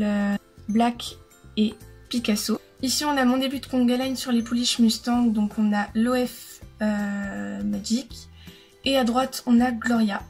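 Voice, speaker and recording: A woman vlogger with a fairly high, darkish, breathy-edged voice chats casually in an indoor room she shares with her siblings. In this show-and-tell, she lists her collection, hesitating frequently.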